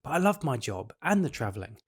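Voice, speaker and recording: Speaking quickly and very animatedly in a slightly rough, medium-pitched voice, a man portrays a weary, patient husband and father in midlife. The audio drama mixes confessional monologue with dialogue, all delivered in a resigned, matter-of-fact tone.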